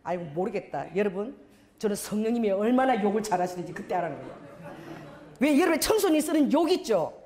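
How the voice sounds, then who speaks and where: A woman's voice: medium pitch, fast talker, reverberant. A middle-aged woman pastor preaching a sermon, telling a story with lots of drama and acting out the scenes. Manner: animated, dramatic storyteller who acts out scenes.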